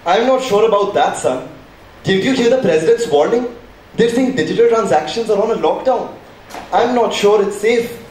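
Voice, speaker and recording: A man's voice: high voice, lively intonation, normal speed, darkish tone. A man playing an anxious father in a school stage play, with a pleading, despairing manner. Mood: cautious. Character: worried middle-aged father, distraught. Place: large school hall. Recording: echoey hall from far off, faint noise.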